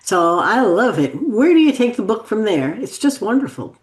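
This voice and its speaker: A woman's voice: mid-range voice, big pitch swings, normal speed. Enthusiastic woman host in an echoey room. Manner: enthusiastic, affirming. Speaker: podcast host. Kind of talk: podcast interview. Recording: roomy echo.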